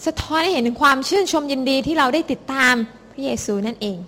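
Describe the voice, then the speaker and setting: A woman interpreting a sermon into Thai for the congregation, rendering it lively and expressively. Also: high voice, fast. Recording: hall reverb.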